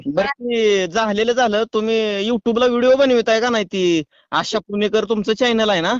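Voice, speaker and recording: A man making a prank phone call, calm and teasing in a mock-official way. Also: sits high, moderate pace, a little hiss or hum. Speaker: prank caller.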